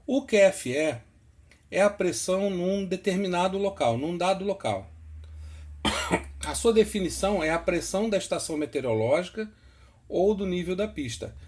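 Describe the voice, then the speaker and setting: A man's voice: on the high side, a little mellow. A man giving a casual screen-share tutorial, patient and repetitive, often checking in with the listener. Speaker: instructor explaining flight instruments.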